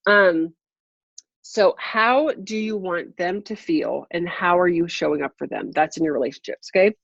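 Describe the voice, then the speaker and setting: A woman's voice: fairly low pitch, normal speed, creaky, dry recording. A woman life coach leading a group coaching call over a video call, upbeat, encouraging and motivational. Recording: slightly muffled lo-fi call audio.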